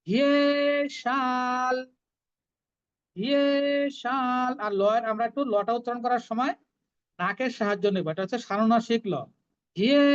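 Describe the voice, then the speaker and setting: A woman teaching Sanskrit verse recitation, chanting each line slowly and then explaining the pronunciation in quick, plain speech. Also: a little high, muffled recording. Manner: slow drawn-out chanting alternating with quick explanations.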